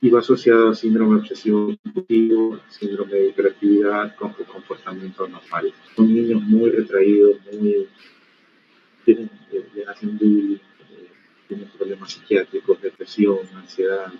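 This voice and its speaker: A man's voice: fairly low pitch, level tone, normal speed, soft background music. A man giving an online medical lecture in a stern, corrective teaching manner, answering student questions. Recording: dull lo-fi call audio.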